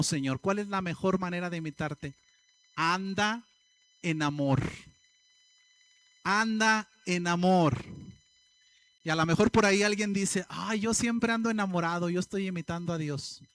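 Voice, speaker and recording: Preaching to his congregation, a high-pitched male pastor asks rhetorical questions and slows down to emphasize scripture.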